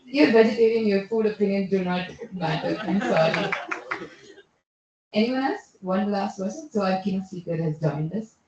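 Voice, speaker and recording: A woman's voice: medium pitch, lively intonation, moderate pace, darkish tone, slight background noise. A woman hosting a club meeting, chatty and teasing as she calls on people. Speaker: meeting host. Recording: echoey room, far from dull mic.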